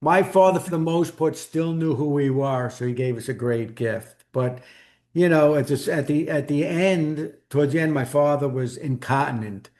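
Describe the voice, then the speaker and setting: Man, middle-aged, Brooklyn accent, slightly high pitch; interview guest sharing personal stories conversationally. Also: moderate pace, a little mellow. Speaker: guest author.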